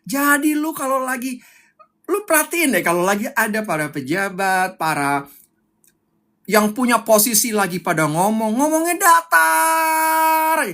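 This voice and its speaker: A man's voice: high-pitched, animated, normal speed, sharp tone. A young man coaching public speaking on a live stream, fiery and emphatic, repeating his key points.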